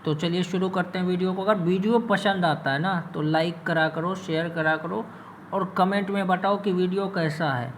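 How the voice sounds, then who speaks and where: A man's voice: high-pitched, fairly even intonation, a little hiss or hum. A man teaching English pronunciation in Hindi, drawing out and repeating each word with teasing asides. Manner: slow, drawn-out words, repeats terms for learners, teasing asides.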